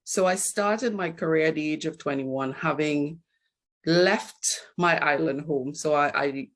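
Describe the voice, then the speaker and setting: A guest speaker at a launch event, a woman in her forties from Trinidad and Tobago who works as an HR executive, gives a reflective personal talk. Her voice is low and her pace a little slow.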